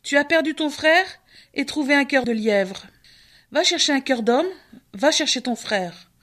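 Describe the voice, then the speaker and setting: A woman's voice: high voice, expressive, a little slow, fairly bright tone. A woman voicing an older grieving mother who reproaches and urges her son. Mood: tearful reproach. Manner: reproachful, urging.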